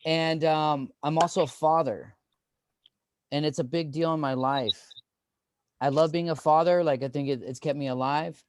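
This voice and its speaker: Man, 30s, stand-up comic, slightly high voice, rambling self-deprecating delivery, dry sound. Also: steady tone, normal speed, clean tone, dry recording. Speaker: comedian. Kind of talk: stand-up comedy set.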